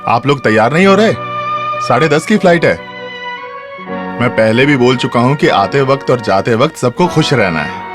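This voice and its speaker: A man's voice: medium pitch, natural voice. A man dubbing a cheerful middle-aged man who teases his family as he leaves, in a film scene. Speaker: lead character in a dubbed film. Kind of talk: dubbed film acting. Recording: film soundtrack with loud music.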